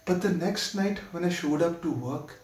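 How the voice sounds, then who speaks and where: A man's voice: fairly high pitch, moderate pace, a little mellow, close to an everyday voice. A man performing a monologue as a flustered young theater usher on his first night, nervous and stammering as he confesses. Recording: roomy sound from far off.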